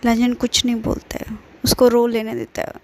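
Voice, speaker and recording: A woman casually retelling a drama story, relaxed, with fillers and English words mixed in. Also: fairly high pitch, moderate pace.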